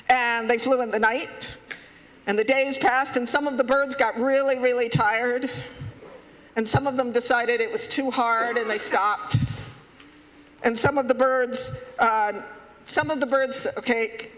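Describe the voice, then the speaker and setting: A man leading a children's story time at a worship service, playful and halting, stopping to ask the children questions. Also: very high-pitched, steady tone, bright, forceful tone. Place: church sanctuary. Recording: echoey hall.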